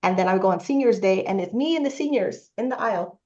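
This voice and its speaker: A woman's voice: medium pitch, animated, fast talker, a little mellow, dull audio. A Canadian woman in her late thirties, speaking as a panelist in a casual discussion, telling her story in a rambling, matter-of-fact way. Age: 30s.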